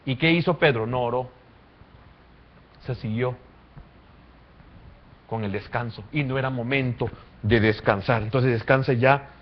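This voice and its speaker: A man preaching a sermon as pastor, swinging from quiet to loud. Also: mid-range voice, unhurried, pauses often. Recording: muffled lo-fi church recording.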